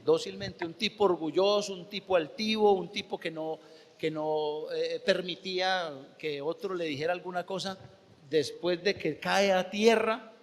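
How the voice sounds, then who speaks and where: A man with a Colombian accent, a pastor preaching a sermon, telling a story and acting out the dialogue with emphatic delivery. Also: high-pitched. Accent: Colombian Spanish. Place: church sanctuary. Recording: long church hall reverb.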